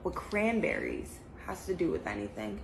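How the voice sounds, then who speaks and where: A woman's voice: on the low side, huge pitch swings, moderate pace, creaky, reverberant, crowd noise, exaggerated voice, low-quality recording. A woman in a comedy sketch who sounds skeptical and exasperated.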